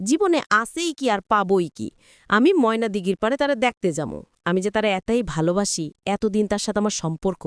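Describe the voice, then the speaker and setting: A woman's voice: mid-range voice, smooth, no room sound, clean studio sound. A woman narrating a first-person story earnestly, with small hesitations.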